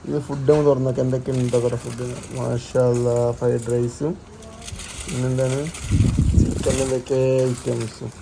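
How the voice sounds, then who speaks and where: A man's voice: mid-range voice, flat delivery, moderate pace, creaky. A man with a Malabar Malayalam accent chats casually as a travel vlogger, mixing in English words and repeating exclamatory slang. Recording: noisy handheld vlog with background ambience.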